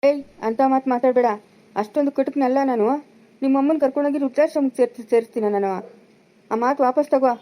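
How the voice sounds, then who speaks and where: A woman's voice: sits high, fast talker, mellow, close to an everyday voice. A woman playing a bossy village brother-in-law in a family drama, scolding and commanding in a rural Chikkaballapura Kannada accent. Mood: persuading.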